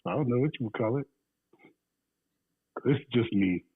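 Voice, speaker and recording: Over a dry, tinny phone connection, a relaxed Midwestern American man talks casually as a guest, sprinkling in fillers and chuckles. His husky voice sits at medium pitch and moves at a normal speed.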